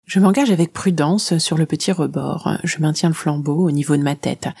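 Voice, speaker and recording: A woman telling a children's adventure story in the first person with vivid, expressive narration. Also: low-pitched, normal speed, vocal fry, husky, no room sound.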